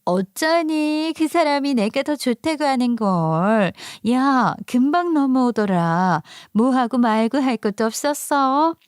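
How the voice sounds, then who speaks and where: A woman's voice: lively intonation, slow, few pauses, no echo, studio quality. A woman voicing a smug young woman who betrayed her friend, gloating and taunting in a raised voice. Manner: gloating, taunting, high-pitched.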